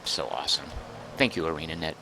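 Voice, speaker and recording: A man streaming a game live, chatting excitedly, thinking aloud and reading chat messages aloud, close to his microphone. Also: rumbling low, quick pace, vocal fry, noisy background. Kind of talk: live gameplay commentary.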